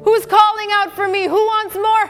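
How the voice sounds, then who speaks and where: A woman's voice: very high-pitched, flat delivery, normal speed, pitched above the performer's own voice. A woman voicing a loving heavenly father who calls out eagerly and urgently, repeating the same plea. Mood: pleading. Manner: urgent, repetitive calling out. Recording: reverberant hall with soft music.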